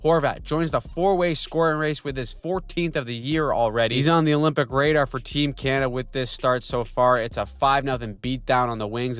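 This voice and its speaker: A man's voice: mid-range voice, smooth, dry recording. A young man narrating a scripted weekly hockey recap with snarky, slangy jokes. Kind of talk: scripted sports recap voice-over.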